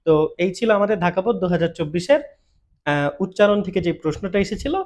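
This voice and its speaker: A man's voice: high voice, fast talker, darkish tone. A young man teaching exam answers on pronunciation, patiently checking in with his listeners after each step. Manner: patient, checks in often with "ঠিক আছে?".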